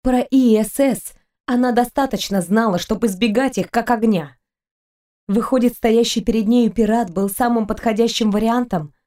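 A woman narrates an audiobook in a steady, even reading voice. Her pitch sits a little high. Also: moderate pace. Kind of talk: scripted narration.

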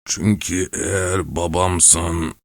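A man voicing an old man who was just born, speaking in a cracked, worn, whining voice, slow and quiet. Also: low voice, level tone, gravelly, dry recording, clean studio sound, full character voice. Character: frail old man newborn, querulous and whining.

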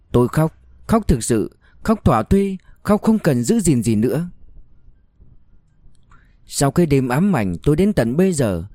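Dark-voiced man reading a novel. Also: mid-range voice, no room sound, studio quality. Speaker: audiobook reader. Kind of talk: scripted narration of a war novel.

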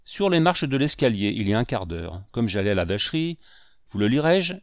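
A man's voice: medium pitch, very animated, fairly quick, no echo. Reader guy as a nervous polite schoolmaster, dry mic. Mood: guarded. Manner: polite, guarded. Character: tense young male schoolmaster. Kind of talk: audiobook character voice.

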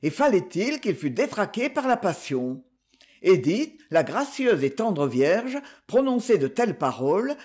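A man voicing a slight, calm husband who tells a grim story in a light, coolly ironic tone, read as an audiobook. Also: sits high. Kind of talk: audiobook reading.

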